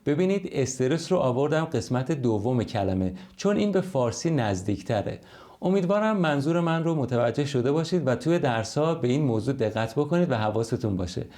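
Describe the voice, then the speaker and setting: A man's voice: medium pitch, animated, mellow. A man from Iran teaching an English lesson, explaining in a friendly, conversational way with examples.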